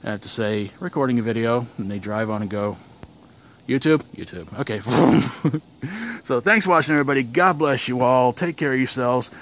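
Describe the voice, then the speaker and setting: A man's voice: medium pitch, animated, moderate pace, fairly bright tone. A young man telling a casual vlog story outdoors, rambling, with restarts and chuckles. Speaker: vlogger.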